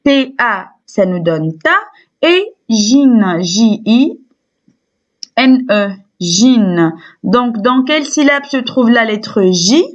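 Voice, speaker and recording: A woman with a Tunisian French accent teaches young children to read, spelling out letters and repeating syllables over and over. She speaks very slowly, in a fairly high voice. The recording sounds dull and lo-fi. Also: animated. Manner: slow and deliberate, repeats syllables several times. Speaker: primary school teacher. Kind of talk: slow phonics lesson for young children.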